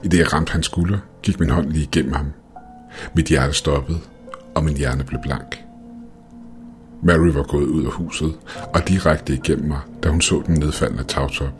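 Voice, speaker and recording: A man reads a first-person ghost story in a calm, measured way. His voice sits extremely low, and quiet music runs underneath. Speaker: narrator. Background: faint music.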